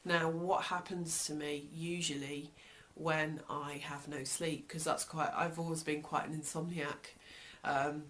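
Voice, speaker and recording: A British woman speaks in a slightly low voice, as in a casual personal vlog. She is reflective and hesitant, pausing and rephrasing as she thinks aloud. There is faint noise behind her. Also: little pitch movement, a bit bright. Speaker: vlogger. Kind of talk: casual personal video diary.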